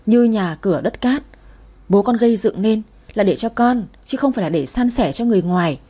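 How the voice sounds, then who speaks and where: A woman voicing a scheming, sharp-tongued old grandmother who nags and sneers while reading a story aloud. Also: medium pitch, animated, brisk, husky. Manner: nagging and scornful.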